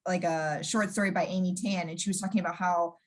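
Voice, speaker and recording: A woman's voice: lowish voice, fairly even intonation, fast talker. A woman, chatting casually as an interview guest and telling stories full of fillers. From New York, USA. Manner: chatty storyteller with many fillers, acting out quoted voices.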